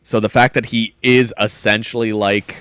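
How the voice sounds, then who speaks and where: A man's voice: on the low side, flat delivery, moderate pace, fairly bright tone, clear, resonant tone, faint music behind. A man live-streaming a game, chatting casually with rambling asides and fillers. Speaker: gaming streamer.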